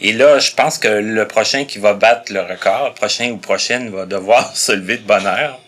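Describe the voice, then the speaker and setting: A man with a Quebec French accent hosting a casual interview, chatty and quick to laugh, often restarting his questions. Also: lowish voice, fairly bright tone. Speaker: podcast host.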